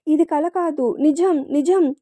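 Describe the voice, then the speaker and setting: A woman's voice: high voice, takes it slowly, mellow, no echo, clean studio sound. A woman voicing a frightened young woman caretaker in an audio story, timid and stammering. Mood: scared.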